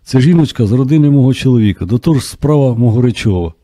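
A man's voice: medium pitch, lively intonation, racing, dark tone, no room sound, clean studio sound, natural voice. A man voicing a bossy, chatty middle-aged female doctor in an audiobook.

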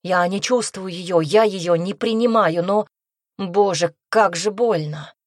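A woman narrating a first-person audiobook in an intimate, expressive manner, close to the mic. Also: mid-range voice, takes it slowly, dry recording.

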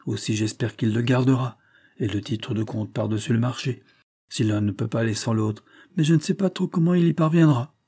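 Agitated middle-aged grocer, blustering and repetitive, dark husky tone, as a man reader puts him on. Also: mid-range voice, fairly quick, no room sound, studio quality, natural voice. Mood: indignant. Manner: blustering, exclaiming, repeats himself.

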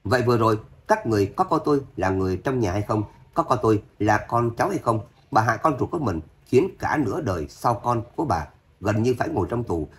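A man's voice: mid-range voice, animated, quick pace, close to an everyday voice. A man voicing a cold, vengeful young son-in-law who speaks harshly in an audio story. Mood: cold scorn.

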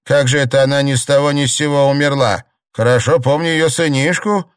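A man reading an audiobook and voicing a chatty, humble old peasant grandmother, raising his pitch high and drawing out her exclamations. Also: steady tone, dry recording, clean studio sound, close to an everyday voice. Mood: fussing, exclaiming. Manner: high, exclaiming, drawn-out cries. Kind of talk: audiobook character voice.

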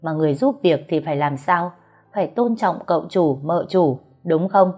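A woman's voice: sits low, lively intonation, normal speed, a little mellow, faint music behind. Audiobook figure: a stern older housekeeper with a steely, firm tone, voiced by the woman reader.

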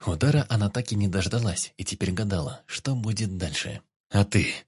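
A man's voice: lowish voice, fairly quick, a little mellow, breathy edge, no echo, clean studio sound. A man reading a sci-fi audiobook as the narrator.

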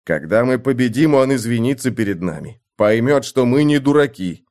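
A steady young soldier speaks firmly and earnestly, voiced by a male narrator. His delivery is lively in pitch but stays level-headed. It is an audiobook character voice. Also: normal speed, natural voice. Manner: firm, earnest.

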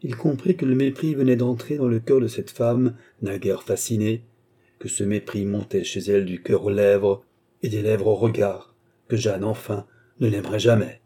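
A man narrating a novel as an audiobook, reading in a measured, dramatic way. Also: fairly low pitch, fairly even intonation, warm tone, husky.

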